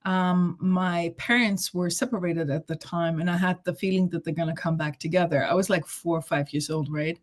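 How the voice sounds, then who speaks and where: A middle-aged woman raised in Germany, a guest healer telling her story in a chatty, casual interview, laughing often and leaning on fillers. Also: fairly low pitch. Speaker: guest, intuitive reader and healer.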